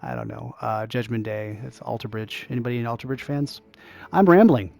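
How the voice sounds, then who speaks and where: A man calmly explaining a strategy game step by step as a tutorial host, drifting into rambling asides. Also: mid-range voice, a little fast, creaky, faint music behind. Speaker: gaming YouTuber, tutorial host. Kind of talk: casual gameplay tutorial commentary.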